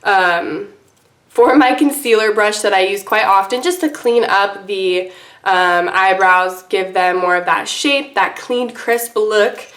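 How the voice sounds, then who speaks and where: In a noticeably echoey room, a female beauty vlogger rambles through a relaxed makeup tutorial chat to camera, taking it slowly. Her medium-pitched voice is a bit bright but congested and icky, as though she's sick and under the weather.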